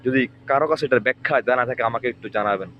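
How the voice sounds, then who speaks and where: A man talking to his viewers, questioning them and slowly stressing how individual words are pronounced. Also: medium pitch, highs cut off, slight background noise. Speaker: online religious commentator. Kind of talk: rhetorical explanation to viewers.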